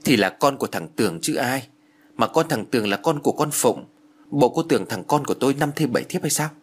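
A man's voice: mid-range voice, expressive, fairly quick, breathy edge. A man voicing a bossy, scolding old mother-in-law in a spoken horror story. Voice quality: sharp, scolding.

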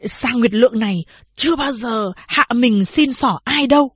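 A brash drunk young man, slurring and drawling, his voice pitched rather high and a little husky, as a woman narrator puts him on. He stretches out his hesitations in a storybook reading. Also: normal speed, no room sound.

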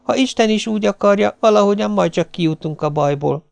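A man's voice: gravelly, a little mellow, clear, resonant tone, dry recording. A man reading an audiobook, voicing a desperate young mother in a raised, pleading voice. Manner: raised pitch, pleading and tearful.

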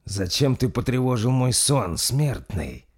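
A man voicing an ancient vampire master, speaking slowly with cold menace. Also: medium pitch, expressive, husky, pitched above the performer's own voice. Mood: cold commanding. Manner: slow, measured, menacing.

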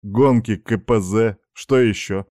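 A man's voice: fairly low pitch, slow pace, darkish tone, dry recording, studio quality. A man voicing a stern middle-aged father lecturing his teenage son in a firm, reproachful way.

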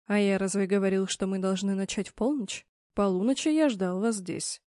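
A woman voicing a stern, knowing man who calmly instructs others before a ritual, in an audiobook. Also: mid-range voice, moderate pace, dry recording, studio quality, natural voice. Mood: instructive. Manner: calm, instructive, admonishing.

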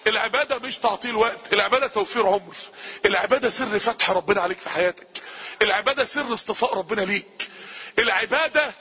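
An Egyptian-accented man preaching at a very high pitch and a quick clip. His voice is bright and a little husky, and his impassioned delivery repeats key phrases and climbs to shouts. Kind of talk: recorded sermon.

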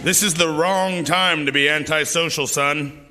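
An actor playing a stern, paternal, hard-bitten police lieutenant who interrogates persuasively. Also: male voice, fairly high pitch, steady tone, a little slow, pushed and bright, soft background music. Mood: coaxing, stern. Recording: reverberant hall.

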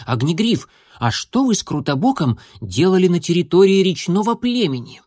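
A man voicing an eager, boastful young male kitten in a storybook reading, chattering excitedly. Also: moderate pace, no room sound, studio quality. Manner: excited, bragging, high-pitched chatter.

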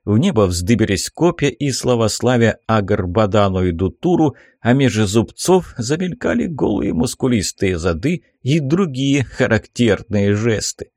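A man reading a first-person fantasy novel aloud as an expressive audiobook narrator. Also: fairly low pitch, measured pace, few pauses, dry recording, studio quality.

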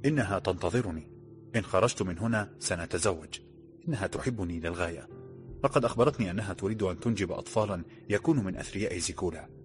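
A man voicing a calm, resigned poor man in his forties who speaks quietly. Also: low voice, fast, faint music behind, close to an everyday voice. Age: 40s.

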